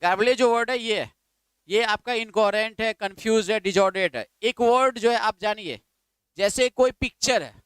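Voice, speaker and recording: A man's voice: sits high, normal speed, a bit bright, smooth, no room sound. Man teaching English vocabulary. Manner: repetitive, drilling, asks students to write words down. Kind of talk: classroom lecture in Hindi with English terms.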